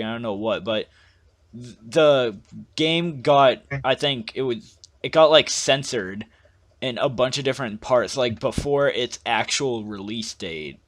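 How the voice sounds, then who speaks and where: A man's voice: medium pitch, a bit bright. A young man co-hosting a gaming podcast in laid-back casual chat, often trailing off and saying "like". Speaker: podcast co-host.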